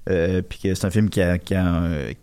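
Quebec man chatting, low dry voice. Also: steady tone, normal speed, mellow, clean tone, no echo. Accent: Quebec French. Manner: rambling, many fillers and restarts. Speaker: podcast host. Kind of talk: casual chat about box office.

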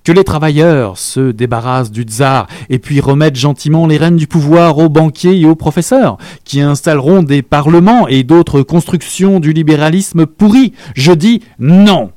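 A man reading aloud, voicing a theatrical male revolutionary leader who declaims with passion and rises to loud peaks. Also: mid-range voice, animated, measured pace, no echo, studio quality, natural voice. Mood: impassioned.

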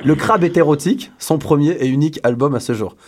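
A man's voice: on the high side, fast. A man from France hosting a casual radio chat, playful and wisecracking as he reads from his notes. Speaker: radio show host.

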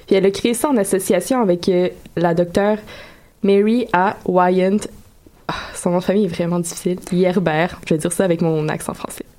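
A woman's voice: on the low side, steady tone, fairly quick, warm tone. A woman with a Quebec French accent, a radio guest explaining a subject in casual chat with frequent hesitations. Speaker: guest columnist.

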